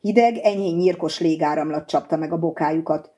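A woman narrating an audiobook in an even, measured reading. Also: low-pitched, slightly rough.

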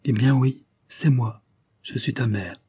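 A man's voice: medium pitch, measured pace, mellow, slightly rough, dry recording, clean studio sound. Man reading as a feverish, tearful duchess. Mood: emotional. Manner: emotional. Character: pale, feverish, tearful young mother duchess.

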